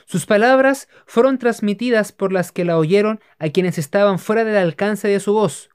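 A narrator giving a steady, measured scripted reading of religious history. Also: mid-range voice, smooth.

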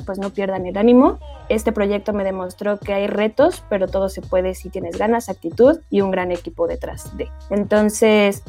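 Woman, warm mellow voice, earnest closing words, faint music. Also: mid-range voice. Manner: earnest, thankful. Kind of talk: closing message on a radio show.

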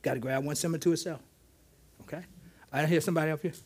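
A man's voice: a little high, fairly even intonation, very fast, darkish tone, slightly rough. A man, a pastor, teaching interactively in a church, stammering and repeating "okay" as he draws answers from the congregation. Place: church sanctuary.

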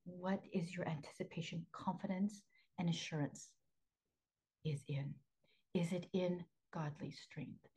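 A woman hosting a faith podcast as a spiritual coach, talking earnestly, repeating phrases for emphasis and often sinking into a soft half-whisper. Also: lowish voice, steady tone, measured pace, breathy edge, low-quality recording.

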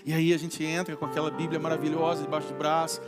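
High-voiced Brazilian pastor preaching. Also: male voice, flat delivery, fast. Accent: Brazilian Portuguese. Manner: conversational preaching with acted-out everyday quotes. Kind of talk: sermon. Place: church hall. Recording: reverberant church hall with faint music.

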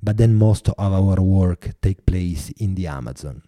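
A man with an Italian accent, a filmmaker and activist giving earnest, halting interview answers full of restarts. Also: sits low, dark tone, dry recording, clean studio sound. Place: New York.

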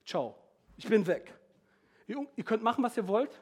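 A man's voice: sits high, big pitch swings, moderate pace, darkish tone, husky, heavily acted. A man voicing a sulky, melancholic young apostle who grumbles and waves the others off. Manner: grumpy, dismissive.

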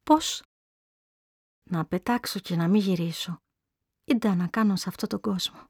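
A woman reading aloud gives voice to a dying young woman from Crete, weak and slightly hoarse. She speaks softly and wearily, resigned rather than frightened. The sound is dry and close, like a storybook reading. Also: medium pitch, no echo. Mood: weary resigned. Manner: soft, weary, resigned. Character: frail young woman sick with consumption.

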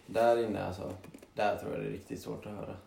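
A young man with a low, gravelly voice chats casually and drops dry jokes along the way. His speech carries a heavy vocal fry. The room around him adds a noticeable echo. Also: flat delivery, crowd noise. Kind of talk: casual chat. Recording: roomy echo.

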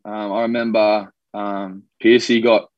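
A young rugby league player, born in New Zealand and raised in Australia, chats on a casual podcast with an Australian accent. His voice is lowish, level, and unhurried, and he rambles laid-back with plenty of fillers; the sound is lo-fi with no echo.

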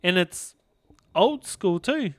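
A man's voice: high voice, lively intonation, slow, dry recording, clean studio sound. A man with a broad New Zealand accent in casual podcast chat, laid-back and colloquial as he hosts. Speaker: podcast host.

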